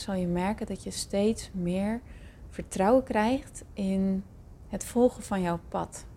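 A woman's voice: medium pitch, darkish tone, a little hiss or hum. A woman hosting a podcast, informally addressing her listeners in an introduction. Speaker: podcast host.

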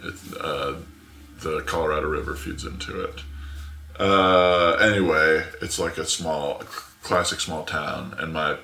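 A young man from Arizona with a deep, gravelly voice talks casually as a podcast guest. He rambles in loose, filler-heavy sentences. The sound is roomy and echoey. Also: steady tone, unhurried, pushed and bright. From Arizona, USA. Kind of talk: casual chat. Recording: echoey room.

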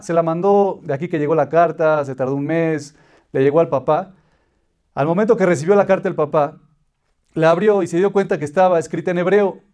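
Man, high voice, religious lesson, patient explaining, repeated listed phrases. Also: darkish tone. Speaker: Torah teacher. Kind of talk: religious lesson with a told parable.

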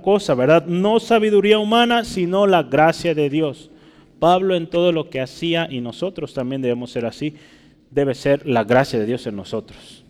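A man preaching a teaching sermon, often asking the congregation for agreement and pausing to write on a board. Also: a little high, in a large hall. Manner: teaching, rhetorical questions, asks listeners for agreement; writes on a board while speaking.

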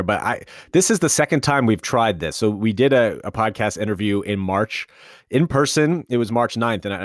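A man's voice: on the low side, no room sound. Chatty male podcast host, dry sound. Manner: chatty, rambling with self-restarts. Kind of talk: casual interview.

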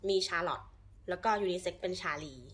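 A woman's voice: fairly low pitch, slow pace, a bit bright. A woman co-hosting a casual podcast, chatty, who carefully spells out names letter by letter. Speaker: podcast co-host.

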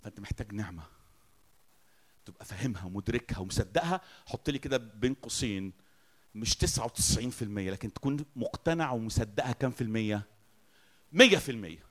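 Emphatic preacher with an Egyptian accent. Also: male voice, lowish voice, expressive, fast. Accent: Egyptian Arabic. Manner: emphatic, asks the audience questions and answers them; swings between loud declarations and soft, quiet lines. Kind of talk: sermon.

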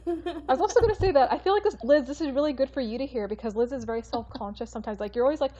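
A woman's voice: high voice, rapid-fire, dark tone, muffled recording. A woman co-hosting a podcast who chats casually and teases her friend playfully. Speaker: podcast co-host. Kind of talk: casual chat.

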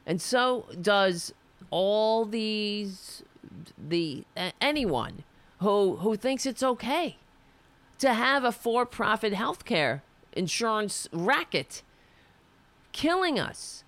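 An American woman hosts a political show, ranting through an impassioned monologue as her voice gives out. Her mid-range voice is sing-song, slow and a bit bright, and she sounds fiery, restarting mid-sentence.

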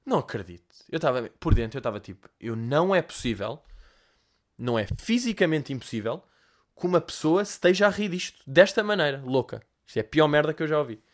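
Young European Portuguese man, podcast host, rapid and expressive comic storyteller. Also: on the high side. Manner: animated, profane, conversational. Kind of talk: comedic storytelling.

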